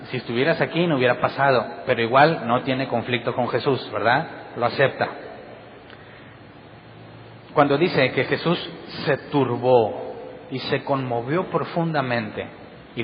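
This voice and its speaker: A man preaching a Bible study sermon, firing questions at his listeners and acting out the voices he quotes. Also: mid-range voice. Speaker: pastor. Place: church hall. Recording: long hall reverb, dull sound, faint noise.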